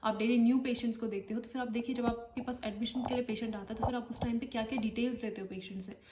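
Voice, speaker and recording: Talking fast with fairly even intonation and a fairly high pitch, a woman from India who works as a nurse walks listeners through an informal tutorial, often checking that they are following. The mic is far away in an echoey room, with faint noise.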